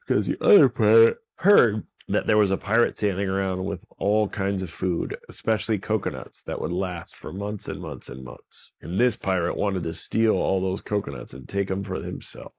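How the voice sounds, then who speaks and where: A man telling a children's pirate story in a relaxed, improvised way, often repeating words for effect. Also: deep voice, gravelly, muffled recording.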